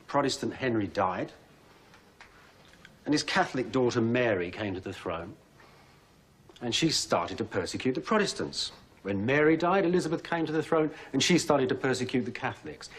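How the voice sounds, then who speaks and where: A middle-aged man presenting a documentary in a lively storytelling way with wry asides. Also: mid-range voice, slightly rough.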